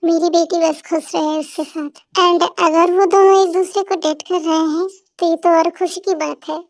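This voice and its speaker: A woman voicing a calm, reassuring middle-aged mother in an amateur audio drama dub. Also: very high voice, normal speed, no echo.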